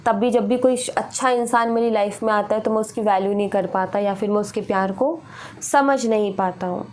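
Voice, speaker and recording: A woman's voice: medium pitch, fairly quick, a little mellow. A woman giving a tarot reading, earnest and repetitive, often slipping in "you know". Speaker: tarot reader.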